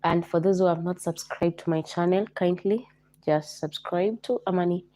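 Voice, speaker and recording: A woman's voice: fairly low pitch, steady tone, normal speed, warm tone, dry recording. A woman from Kenya with a Kenyan accent, hosting a live online stream and repeatedly coaxing viewers to like, comment and say where they are watching from.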